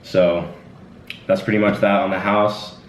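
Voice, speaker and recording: Hosting a relaxed Q&A from his home, a twenty-year-old man rambles easily and leans on lots of fillers. He speaks in a low voice at a measured pace, with little variation in pitch, and the recording picks up slight background noise through a distant, dull mic in an echoey room.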